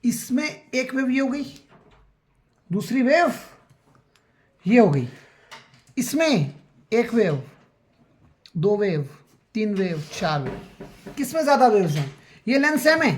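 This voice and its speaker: A man's voice: very high voice, slight background noise. A man teaching a school science lesson in a classroom. He counts aloud, quizzes his students and keeps checking that they understand. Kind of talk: classroom lecture.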